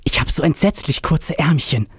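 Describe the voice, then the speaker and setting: A man's voice: a little high, normal speed, husky, no room sound, clean studio sound, voice pushed up. A man putting on a coy young woman. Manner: whispering, coy.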